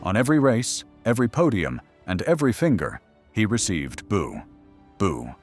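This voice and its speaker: A man's voice: lowish voice, huge pitch swings, normal speed, over music. A man narrating a scripted documentary in a dramatic, mocking storytelling manner.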